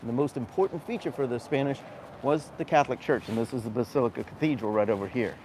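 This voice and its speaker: Quick-paced, with a mid-range, slightly mellow voice, a man leads a live walking tour and chats about what he's pointing out. The recording comes from noisy town streets with city ambience.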